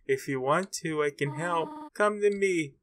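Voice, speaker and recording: A man's voice: fairly high pitch, measured pace, fairly bright tone, a little hiss or hum, pitched above the performer's own voice. A man putting on a woman's voice to play a motherly female monster coaxing a child, reading game dialogue aloud.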